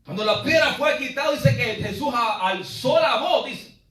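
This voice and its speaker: Man, pastor, sermon, high-pitched, echoey hall, off-mic, loud and soft swings. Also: animated, moderate pace, far from the mic. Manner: preaching with swings between loud exclamations and low asides, often saying "hermano". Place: church sanctuary.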